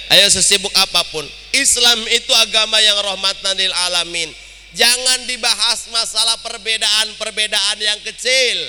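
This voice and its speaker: Preaching in a mosque hall, a man teases and jokes with his listeners, addressing them directly with humor throughout the sermon. His high voice sounds pushed and bright, and the recording carries long hall reverb.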